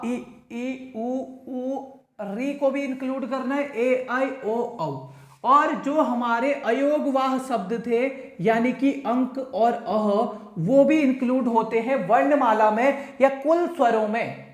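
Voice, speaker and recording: A man teaching a grammar lesson to exam students. He repeats key points, quizzes the listener, and draws out the vowel sounds he demonstrates. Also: very high voice. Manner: drawn-out, stretched vowel demonstrations. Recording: echoey room.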